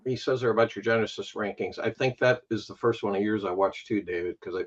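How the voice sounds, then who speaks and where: Chicago man, low dull voice. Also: steady tone, fast. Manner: self-deprecating storyteller with laughs. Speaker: YouTube vinyl channel host, guest. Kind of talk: casual livestream chat. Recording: dull lo-fi stream audio.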